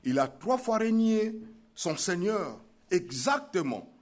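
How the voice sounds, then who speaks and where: A man's voice: high-pitched, sing-song, takes it slowly. A man preaching a sermon, emphatic and repeating his key phrases.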